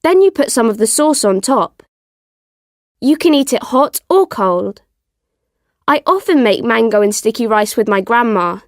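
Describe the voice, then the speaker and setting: A woman reading the part of a cheerful young girl in a slow, careful textbook style for learners. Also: fairly high pitch, lively intonation, no room sound, studio quality. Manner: slow, lilting textbook delivery.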